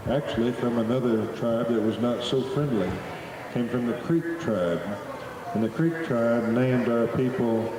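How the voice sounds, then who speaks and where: A middle-aged Oklahoma man with a medium-pitched voice plays flute at a festival and, between pieces, jokes with the crowd like a folksy storyteller. He's on an outdoor stage speaking into the PA mic, captured from far off in an echoey live recording with festival crowd noise around him.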